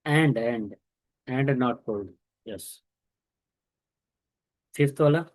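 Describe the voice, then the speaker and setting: A male teacher who talks slowly and patiently, stopping to prompt and correct his students. His voice sounds dry and close, with no room echo. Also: mid-range voice. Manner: mixes Hindi with English terms. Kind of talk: classroom lesson, guiding students.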